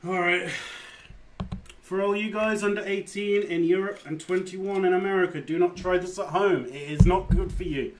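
A man's voice: sits high, fairly even intonation, moderate pace, a little hiss or hum, rough recording. A man in his thirties giving exasperated, sweary gameplay commentary as he gets drunker. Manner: exasperated outbursts mixed with swearing; getting drunker while playing a drinking challenge. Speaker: gaming video host. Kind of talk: live gameplay reaction commentary. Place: indoors at a computer. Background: game music.

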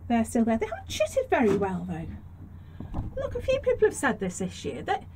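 Chatty and self-deprecating, a British woman rambles casually through a tour of her allotment and greenhouse for her gardening vlog. Her slightly high, slightly mellow voice swoops wildly in pitch at a moderate pace, recorded as noisy outdoor sound on a handheld camera's built-in microphone.

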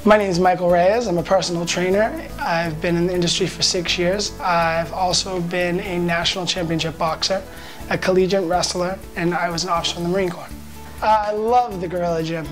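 A man speaking as a personal trainer in a steady, explanatory testimonial. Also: high-pitched, fairly quick, soft background music. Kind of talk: testimonial interview. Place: indoor room with brick wall.

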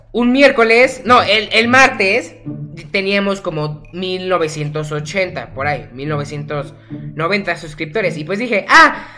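A man's voice: high voice, bright, forceful tone. A teenage boy with a Mexican accent, chatting casually over his gameplay in a rambling, jokey way that keeps correcting itself. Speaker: gaming YouTuber.

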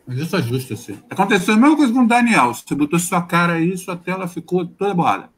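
A man's voice: sits high, sing-song, quick pace, breathy edge. A man casually explaining setup problems to fellow programmers on a video call, hesitating and restarting often. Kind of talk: casual online meeting chat. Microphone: home computer mic on video call.

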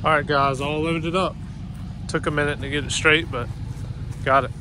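A man in his thirties with a relaxed, folksy manner, vlogging casually about his work while standing outdoors at a job site, filmed on a phone held at arm's length. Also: fairly high pitch, moderate pace. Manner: relaxed, folksy, says y'all. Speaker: vlogger running dumpster rentals and a tree service. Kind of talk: casual vlog narration. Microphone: phone camera held at arm's length. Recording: outdoor phone audio with faint background noise.

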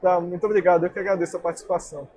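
A man's voice: high voice, steady tone, very fast, darkish tone, slight background noise. A young man, earnestly explaining marketing as an interview guest at a fair booth. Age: young adult. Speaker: guest speaker. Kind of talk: interview answers. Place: indoor trade fair booth.

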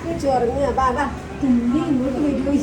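A woman gently asking a small child the same questions again and again in casual home-video talk. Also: high voice, fairly even intonation, fairly quick, crowd noise, noisy background. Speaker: family member talking to a toddler.

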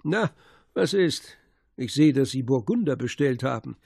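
Maigret, a man voicing a brisk gravelly commissioner. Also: medium pitch, darkish tone, no echo, studio quality, close to an everyday voice. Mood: jovial. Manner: brisk, assured, giving orders. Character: commanding middle-aged male police commissioner. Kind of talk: audiobook character voice.

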